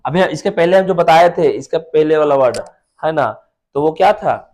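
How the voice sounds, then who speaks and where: A man's voice: a little high, moderate pace, darkish tone. A man teaching English vocabulary to a class, explaining words with everyday examples and putting questions to his students.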